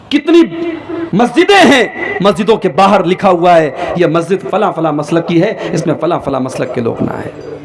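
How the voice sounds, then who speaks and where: A male preacher giving an impassioned sermon, swinging between loud peaks and low drops, and chanting quotations slowly. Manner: impassioned, rising and falling delivery; opens with slow sung verse.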